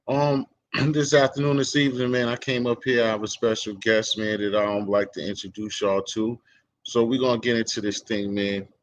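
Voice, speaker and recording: A man's voice: lowish voice, level tone, normal speed. A man hosting a casual interview, talking in a loose, rambling way with lots of fillers. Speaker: host.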